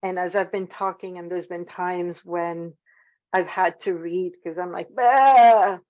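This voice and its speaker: A woman's voice: lowish voice, completely flat delivery, unhurried, lo-fi sound. A woman presenting an online workshop in a casual, informal way, using lots of "like" as a filler, nervous about speaking in public.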